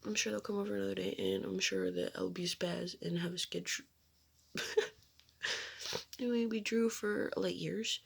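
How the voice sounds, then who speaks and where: A young woman talks to camera from her room at home, rambling and giggling as she goes. Her voice has a gravelly fry and a husky, breathy edge. She often drops into a near-whisper mid-thought. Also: medium pitch, lively intonation, normal speed, long pauses. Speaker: vlogger. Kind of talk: casual chat to camera.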